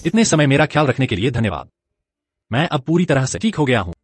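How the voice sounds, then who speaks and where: A man's voice: mid-range voice, very animated, fast talker, husky, no echo. A man dubbing a remorseful young husband in a drama, speaking in a pleading, emotional way over faint music. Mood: grateful. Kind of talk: dubbed drama acting.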